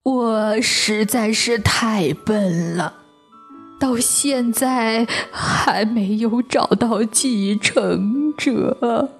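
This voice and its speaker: This is a worn-out old grandfather storyteller, put on by a woman reading a picture book. He speaks slowly and heavily, sighing through his words, a little lower and breathier than the reader's own voice. Gentle music plays quietly behind him. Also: expressive. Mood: sorrowful. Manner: slow, sighing, heavy delivery.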